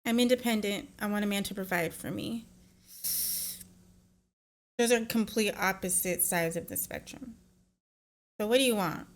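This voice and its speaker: A woman's voice: mid-range voice, normal speed, pauses often. A woman hosting a reaction video, giving blunt, opinionated commentary that often turns into a lecture. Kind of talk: casual commentary.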